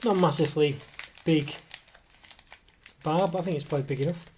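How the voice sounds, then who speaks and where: A man with a cold, his voice coming and going, casually reviews a snack at an indoor table as a food reviewer. His slightly high voice moves briskly through a rambling, hesitant talk full of fillers and self-corrections. A table camera mic records it over a noisy background.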